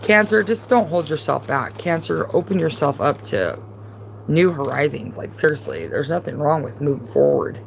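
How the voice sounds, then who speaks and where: A woman's voice: low-pitched, big pitch swings, normal speed, vocal fry, slight background noise. A woman doing a live-streamed tarot reading, talking casually and bluntly to the viewer and often repeating herself. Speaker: tarot reader.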